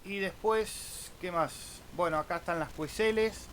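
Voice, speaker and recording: Pitched high and a bit bright, his delivery runs a little slow as he walks viewers through a laid-back screen-share tutorial on his amateur radio YouTube channel. He is Argentine, keeps ending phrases with a quizzical "eh?", and the recording carries clear background noise.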